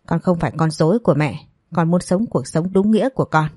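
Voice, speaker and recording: A defiant young man pleads and pushes back in a low, dark voice, as a woman reads his lines in a storybook drama. The voice is dry and close to the mic. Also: brisk, slightly rough, no echo. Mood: defiant pleading. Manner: pleading, then gritting out words.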